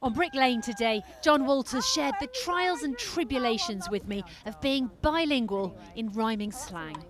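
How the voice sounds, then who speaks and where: A woman's voice: sits high, animated, normal speed, background noise. A woman narrating a light-hearted news report in a wry, scripted voice-over.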